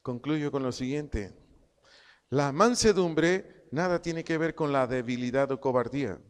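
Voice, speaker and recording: A man preaching a Bible-study sermon to a congregation, repeating key phrases slowly as if dictating notes and asking his listeners questions. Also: medium pitch, clear, resonant tone. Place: church hall, also streamed online. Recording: long hall reverb.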